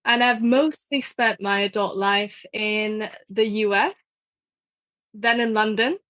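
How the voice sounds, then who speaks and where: Bright-voiced woman guest. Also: mid-range voice, takes it slowly. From Spain. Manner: friendly, polite. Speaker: podcast guest.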